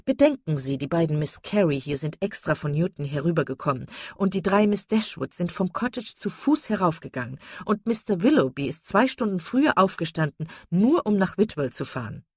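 A woman voicing a hearty, insistent country gentleman in a read-aloud novel, calling out loudly. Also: fairly low pitch, lively intonation, brisk, few pauses, breathy edge, no room sound, studio quality. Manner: loud, insistent.

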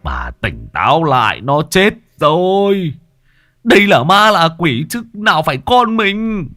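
A man's voice: a little high, very animated, measured pace, bright, forceful tone, no echo, clean studio sound, faint music behind, pitched above the performer's own voice, exaggerated voice. A man doing a stern, grieving father. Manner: firm, urging. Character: middle-aged father, stern and holding back grief.

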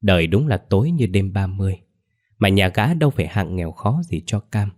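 A man narrating a ghost story in a measured, somber storytelling manner. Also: deep voice, lively intonation, a little mellow. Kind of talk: scripted narration.

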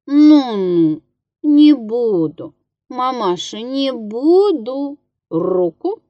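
A woman voicing a drunk male musician who mocks and wheedles in a slow, slurred way. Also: fairly high pitch, big pitch swings, no room sound, muffled recording, heavily acted. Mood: wheedling.

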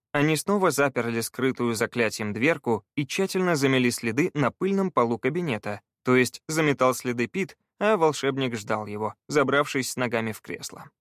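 Male narrator for a fantasy audiobook, measured and even, dry close-miked read. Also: mid-range voice, dry recording.

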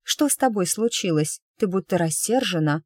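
A woman's voice: lowish voice, animated, normal speed, dry recording, studio quality. A woman reading an audiobook, voicing a flustered, giggly young woman who exclaims in a rising voice. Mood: curious. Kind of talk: audiobook character voice.

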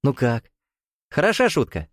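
A man's voice: medium pitch, wildly swooping pitch, a little slow, no echo, clean studio sound, pitched above the performer's own voice. A man voicing a jovial, sly bearded Russian nouveau-riche man who teases in a folksy, coaxing way with veiled menace.

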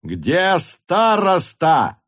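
A man voicing a furious young male hussar officer who shouts commanding orders in an audiobook. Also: a little high, unhurried, voice pushed up, natural voice. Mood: furious shouting.

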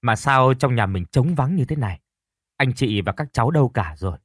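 A man's voice: medium pitch, animated, normal speed, dry recording, studio quality, close to an everyday voice. A man playing a humble, earnest father who speaks politely and deferentially.

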